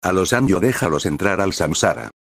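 A man voicing Naruto, a brash young male ninja turned god, in a low, earnest storybook reading. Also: expressive, a little fast, no echo.

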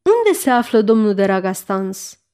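A woman's voice: medium pitch, very animated, dark tone, smooth, lightly acted. This is a proud king whose authority has been crossed, speaking with a demanding, commanding edge and barely held-back fury. A woman reads his lines aloud in an audiobook. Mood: furious. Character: angry proud French king, middle-aged man.

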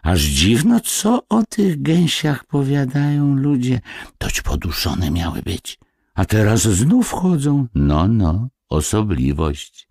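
Old village women gossip and marvel in a rustic, sing-song way, as a man puts them on in a storybook. The voice swoops high and wide, and it sounds husky. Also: huge pitch swings, slow pace, a little mellow, no echo, clean studio sound, full character voice. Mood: puzzled. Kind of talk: audiobook fairy-tale reading.

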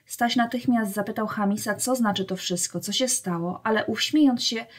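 Woman reading a storybook aloud. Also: medium pitch. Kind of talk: storybook narration.

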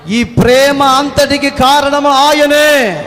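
A man's voice: extremely high pitch, fairly even intonation, slow pace, fairly bright tone, pitched above the performer's own voice, heavily acted. A male preacher voicing a young nurse, devout and forgiving, who speaks in an earnest, impassioned way. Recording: echoey hall, faint background noise.

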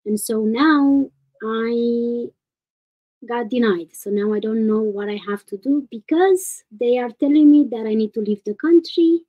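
A woman's voice: on the high side, dull audio. A woman in her thirties from Romania, calling in over video and hesitantly laying out her situation in detail. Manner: hesitant, detailed step-by-step account. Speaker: caller. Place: home room. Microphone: webcam on a video call.

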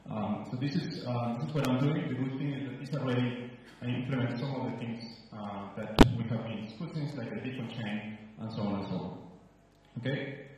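A man's voice: medium pitch, background noise. Man talking in an echoey hall. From Nicaragua. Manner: halting, many uh and um fillers. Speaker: researcher giving a conference talk. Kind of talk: conference presentation. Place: large room at a conference. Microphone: handheld mic. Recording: roomy hall sound from a distant mic.

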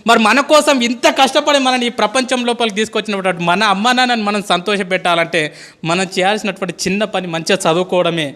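A man speaks as a teacher giving a motivational speech to students. His voice is very high, bright and forceful. He talks fast and pleads with his listeners. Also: steady tone. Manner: impassioned, pleading, calls listeners "boss". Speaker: school teacher.

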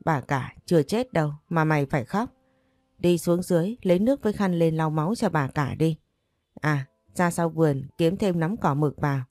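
A woman voicing an impatient, bossy servant who snaps orders quickly. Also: deep voice, a little mellow, dry recording, clean studio sound. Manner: snapping orders.

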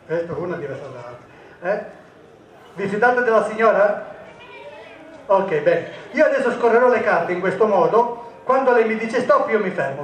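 A man performing as a stage magician, giving jokey, teasing patter to volunteers in a live comic magic show. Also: high-pitched. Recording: echoey, distant stage recording.

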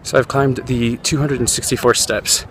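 A travel editor narrating a vlog outdoors at ancient ruins, chatty with many fillers, recording on a handheld camera. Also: male voice, medium pitch, fairly even intonation, normal speed. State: out of breath while climbing. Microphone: handheld camera while climbing. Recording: outdoor crowd noise behind.

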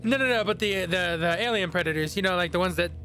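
A man's voice: high voice, fast talker, sharp tone, soft background music. A young man co-hosting a let's play, chatting casually with lots of fillers, restarts and giggles. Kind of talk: casual gaming banter.

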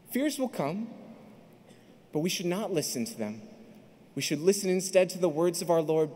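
A priest in his thirties, his voice high with a darkish tone, delivers a fervent sermon into a stand mic at the pulpit of a large arena. His intensity builds to emphatic peaks, and a long arena reverb trails each phrase.

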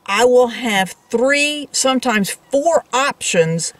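Addressing viewers directly, a travel vlog co-host gives casual explanations in a fairly high, expressive voice. She talks slowly, and the recording is made from a distance without echo.

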